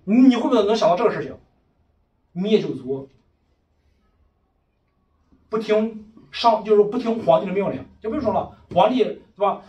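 A man's voice: sits high, lively intonation, moderate pace, long pauses, darkish tone, dull audio. A man leading a casual religious discussion as a preacher, emphatic and firing one rhetorical question after another. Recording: echoey room, far from mic.

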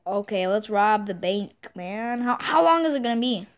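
A woman giving casual gameplay commentary, excitable and chatty, repeating exclamations and stumbling over words. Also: mid-range voice, moderate pace. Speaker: gaming channel host.

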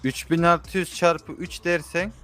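A man's voice: on the high side, steady tone, unhurried, pushed and bright, soft background music. Man patiently working out sums. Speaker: role-play game player. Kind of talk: casual in-game role-play chat.

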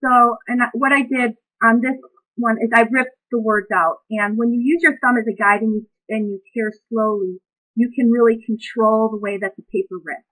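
A woman demonstrating a craft project, calmly talking through each step as she works and reflecting as she goes. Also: fairly high pitch, poor audio. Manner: calm, reflective, unhurried.

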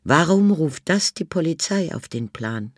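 A haughty elderly English lady, indignant at every question, put on by a woman narrating an audiobook. Her lines jump far higher and louder than the reader's usual deep voice, and the sound is dry and close. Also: lively intonation, unhurried, dry recording. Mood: disdainful. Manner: indignant, disdainful.

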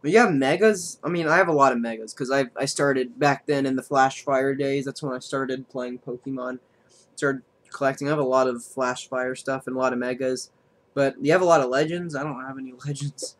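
A man at a mid-range pitch streams a card game live. He thinks his moves through aloud and counts up the damage number by number as he plays. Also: steady tone, a little fast. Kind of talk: live gameplay commentary.

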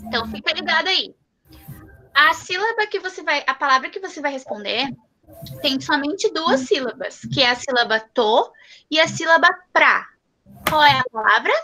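A woman leads a video-call lesson for young children. Her high, bright voice is affectionate and coaxing, and she drags out syllables to make each sound clear. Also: expressive, normal speed. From southern Brazil. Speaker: primary school teacher. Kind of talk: online class with young children.

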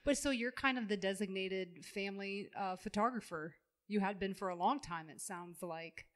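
A woman's voice: medium pitch, moderate pace. A woman interviewing guests in a friendly conversational way, asking follow-up questions and laughing easily.

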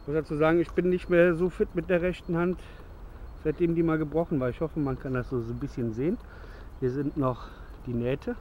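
A man's voice: a little high, steady tone, fairly quick, muffled recording, slight background noise. A man in his thirties casually demonstrating gear outdoors in the woods at dusk, chatty and rambling, correcting himself as he goes, recorded close on a handheld camera. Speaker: bushcraft vlogger.

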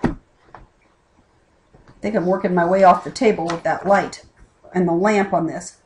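A woman's voice: fairly low pitch, fairly even intonation, normal speed, background noise. A middle-aged woman teaching a college class by video from her desk, chatty and plain-spoken, with asides. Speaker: college instructor. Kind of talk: recorded class lesson. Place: home desk with keyboard and lamp. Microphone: camera over the desk.

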